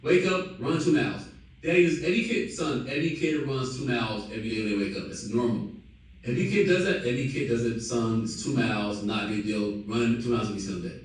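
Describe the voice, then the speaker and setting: Talking quickly in a mid-range voice, a man in his thirties who runs a company rallies his team over a call. He's hyped, slangy, repetitive and exclamatory, but he sits far from the mic, so the sound is very echoey and poor.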